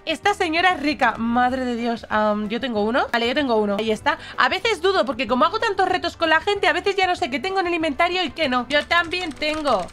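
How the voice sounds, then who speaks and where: Animated, sarcastic young Spanish woman. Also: high-pitched, brisk, few pauses, soft background music. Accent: Spain Spanish. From Spain. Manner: animated, sarcastic, playfully dramatic. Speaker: gaming youtuber. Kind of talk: casual gameplay commentary.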